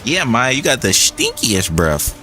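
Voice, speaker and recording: A man's voice: medium pitch, very animated, measured pace, sharp tone, faint music behind. A young man streaming a game and chatting in a loose, rambling way, full of restarts and "like". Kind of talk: casual gaming commentary.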